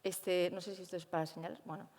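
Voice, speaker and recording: A woman's voice: fairly low pitch, little pitch movement, fast, a little mellow, big-room sound. A young woman tells her own story in an interview, acting out her inner thoughts as she goes. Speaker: primatologist guest.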